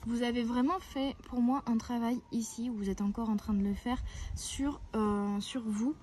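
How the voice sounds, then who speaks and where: A woman giving weekly oracle card guidance outdoors, gentle and reassuring, often pausing to search for her words. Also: fairly high pitch, steady tone, a little hiss or hum. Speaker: tarot and oracle card reader. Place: outdoors, near a tree.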